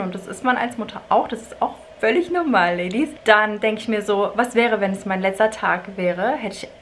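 A woman's voice: mid-range voice, a little hiss or hum. A woman vlogging casually, a mother who retells her day and acts out the dialogue of the people in it. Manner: chatty storytelling, acting out dialogue with "ich so, sie so". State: exhausted from cleaning in the heat. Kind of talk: casual vlog chat. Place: home, then garden outdoors.

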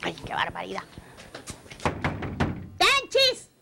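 A woman playing a nosy, sharp-tongued neighbor woman, exclaiming indignantly. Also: sits high, big pitch swings, moderate pace, faint music behind, full character voice.

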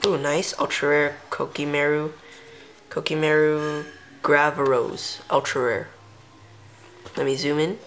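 Young woman, low pitch, unhurried casual commentary, camera mic at home, faint background noise. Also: flat delivery. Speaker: trading card video host. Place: room at home.

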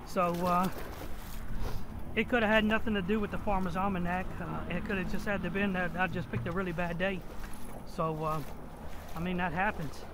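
A fairly high-pitched man talks outdoors on a riverbank, rambling and restarting with lots of fillers. His voice comes through a body-mounted camera mic, with faint outdoor noise behind him. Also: fairly even intonation, moderate pace. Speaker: fishing vlogger. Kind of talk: casual first-person vlog explanation.

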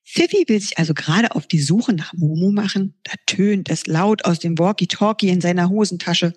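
A woman author reading her children's storybook aloud in a lively, expressive way. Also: on the low side, moderate pace, husky.

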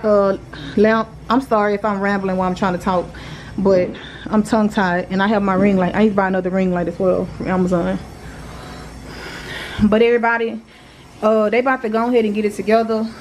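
In a quick, steady, medium-pitched voice with a darkish tone, a young woman with a Southern US accent chats through a home cleaning vlog as a single mother, scolding her kids along the way. It's shot on a handheld phone in her apartment living room and kitchen, with poor audio and a little hiss or hum.

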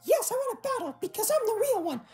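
A young fan voicing a stubborn, bratty dark-world twin of a penguin king, with a squeaky voice that keeps cracking. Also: sing-song, fast, full character voice. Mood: defiant.

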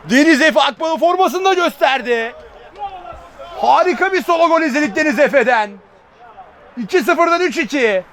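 High, bright-voiced male football commentator. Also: moderate pace, pauses often, a faint crowd. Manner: repeats players' names, rising to excited calls. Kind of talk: excited match commentary.

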